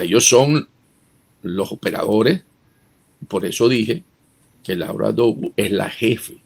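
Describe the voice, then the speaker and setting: Gravelly, husky man analyzing politics. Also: fairly low pitch. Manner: emphatic, rhetorical questions, restarts words. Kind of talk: interview commentary.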